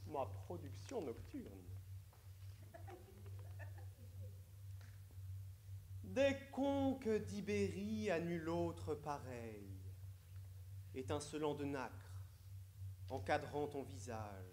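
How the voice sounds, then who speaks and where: An actor playing a vain, excitable poet in a stage comedy, declaiming with hammy, grandiloquent theatrical delivery. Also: medium pitch, slow. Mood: rapturous declaiming. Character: vain, excitable male poet declaiming his love verse. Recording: echoey stage room with noise.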